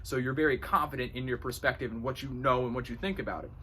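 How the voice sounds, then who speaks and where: A man's voice: medium pitch, quick pace, sharp tone, slight background noise. A man hosting an astrology video, explaining casually to camera in a rambling, slangy and profane way, recorded in a room at home. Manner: rambling, slangy and profane, full of "you know". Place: his own room at home.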